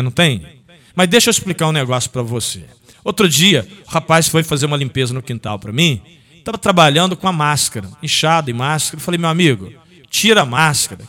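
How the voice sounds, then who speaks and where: A man's voice: on the high side, pushed and bright. A man hosting a local radio sports show, chatting folksily with listeners and reading sponsor ads. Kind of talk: casual radio talk with live ad reads.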